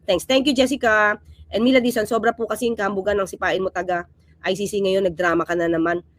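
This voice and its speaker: A woman's voice: medium pitch, fast. A woman hosting a casual political commentary vlog, talking emphatically and animatedly and throwing out rhetorical questions to her viewers. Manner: emphatic, keeps asking rhetorical "di ba?"; animated, swings between loud and quiet.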